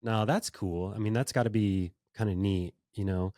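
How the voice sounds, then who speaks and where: A man's voice: fairly low pitch, steady tone, normal speed, mellow, no echo, studio quality. A man hosting a podcast interview in a casual, rambling way, full of fillers and restarts. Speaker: podcast host.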